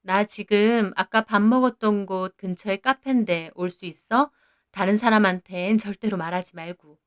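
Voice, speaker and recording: A woman voicing a cautious, hesitant female colleague in her thirties who speaks slowly. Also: mid-range voice, darkish tone, natural voice.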